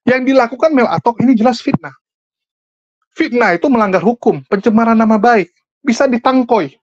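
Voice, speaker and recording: A combative man speaks straight at his listeners and keeps throwing pointed questions back at them. His voice sits at an ordinary middle pitch. The sound is dull and lo-fi, dry and close with no room around it. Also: expressive, fairly quick, dry recording. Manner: addresses the audience directly and repeatedly. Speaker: religious debate commentator. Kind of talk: argumentative online commentary.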